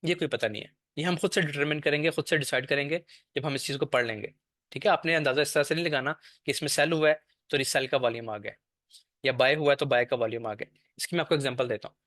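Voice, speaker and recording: A man's voice: medium pitch, fast talker, fairly bright tone, no echo, studio quality. A man teaching a trading class over a screen share, explaining step by step and often checking that the listener follows.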